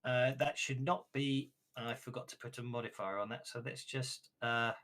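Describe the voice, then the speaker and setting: A man's voice: mid-range voice, fairly even intonation, moderate pace, fairly bright tone. A man running a tabletop game as game master, chatting and laughing with players. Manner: chatty, frequent restarts and laughs.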